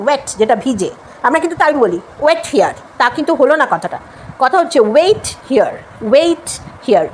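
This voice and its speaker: A woman with a Bengali accent who teaches English pronunciation and repeats each word, then models the correct form slowly. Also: sits high, slight background noise. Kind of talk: spoken English lesson.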